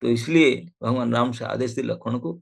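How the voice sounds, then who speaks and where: A man's voice: medium pitch, brisk, creaky, slightly rough. A man giving a scripture talk as a swami, retelling the story animatedly and voicing the characters in quotes, mixing in English phrases, heard over a video call. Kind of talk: storytelling sermon.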